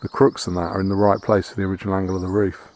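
The vlogger, whose voice sits low, strolls with his handheld camera around the outdoors and a barn of the farmhouse he's restoring, talking casually with pauses, fillers and restarts amid slight background noise.

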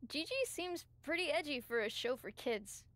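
Game cast: an eager young wrestler, high voice, dry studio sound. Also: female voice, expressive, moderate pace, fairly bright tone, dry recording. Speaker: game character.

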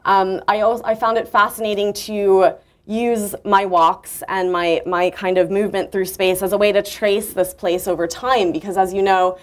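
Speaking at a normal speed with a mid-range, fairly flat pitch, a woman author thinks aloud during a book launch conversation. She rambles with fillers and restarts, captured by a far camera in a university lecture room.

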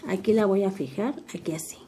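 A woman's voice: medium pitch, fairly quick, very noisy. An older woman, patiently explaining an embroidery stitch step by step as she works. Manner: patient, calmly narrates each stitch while working. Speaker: embroidery teacher. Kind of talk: step-by-step craft tutorial.

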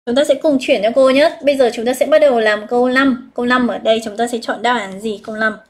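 Vietnamese woman teacher, slightly high voice. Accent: Northern Vietnamese. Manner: explains step by step, reads out students' answers, drawn-out key words. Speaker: English teacher. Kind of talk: live online exam review lesson.

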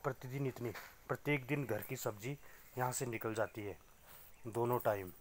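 Holding his phone camera at arm's length, a middle-aged man walks viewers through the small polyhouse greenhouse on his organic farm in Uttarakhand, India, describing the crops in a plain, explanatory vlog. He speaks at a moderate pace in a medium-pitched voice, and there's slight background noise.

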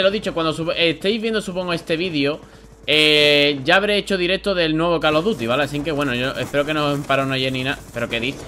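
A young man with a Spain Spanish accent doing live gameplay commentary, excitable and grumbling, swearing when frustrated. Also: fairly high pitch, slight background noise. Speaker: gaming YouTuber.

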